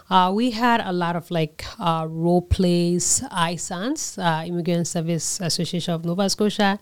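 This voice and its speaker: A woman's voice: fairly low pitch, smooth. Woman from Liberia, thoughtful interview guest. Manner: thoughtful, pausing, with fillers and self-corrections. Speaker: interview guest, conference organizer. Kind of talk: casual interview answers.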